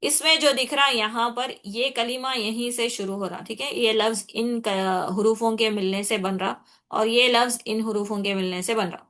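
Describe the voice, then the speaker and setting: A woman with a Hyderabadi Urdu accent teaching a Quran recitation class. She explains tajweed rules patiently, repeats her points, checks in with her students often, and slows down to recite Arabic examples. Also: on the high side, steady tone, fairly bright tone. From India.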